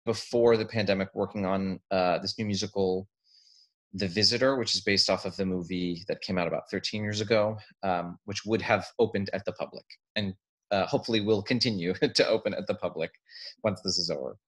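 An American man with a fairly low voice talks casually and animatedly, gesturing as he goes. He is on a laptop webcam in a room at home. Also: brisk. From United States. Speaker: actor. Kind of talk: video call interview.

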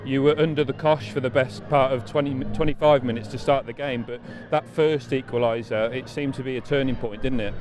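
A man interviewing a player after a match, asking conversational leading questions outdoors at a pitch. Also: steady tone, a little fast, hardly any pauses, a little mellow. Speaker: club TV interviewer. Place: outdoors at a football pitch at night.

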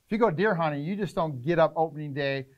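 A middle-aged man, a fishing charter captain, explaining trip planning in casual, energetic interview talk in an indoor tackle shop. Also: on the high side, highs cut off. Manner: energetic, gestures a lot, lists points rapidly.

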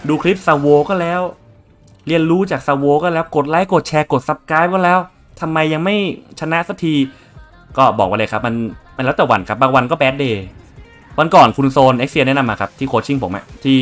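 A man's voice: a little high, brisk, a bit bright, soft background music. A young man casually commenting on his strategy game as he plays, chatting to viewers and swearing freely. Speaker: game streamer.

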